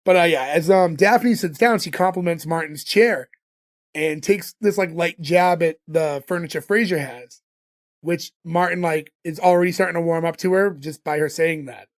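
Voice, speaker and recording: A man's voice: a little high, moderate pace. A man co-hosting a podcast, chatting loosely and recapping a sitcom episode with plenty of "like" and "you know". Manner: chatty, loose retelling with fillers. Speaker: podcast co-host.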